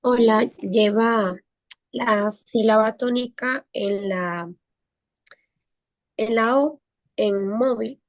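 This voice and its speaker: Woman student, slow and hesitant, dry muffled line. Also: fairly high pitch, dry recording. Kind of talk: answering in online class.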